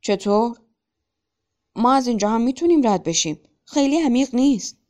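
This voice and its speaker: A man's voice: very high voice, lively intonation, pitched above the performer's own voice. A woman doing a blunt, grumbling peasant carter. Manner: blunt, grumbling, shouts at the horse. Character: rough-spoken male peasant cart driver, stubborn.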